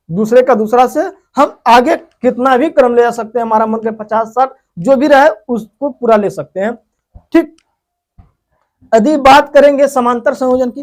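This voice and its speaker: A man teaching a physics lesson, who keeps asking questions and answering them himself as he explains step by step. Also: very high voice. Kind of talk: whiteboard lesson.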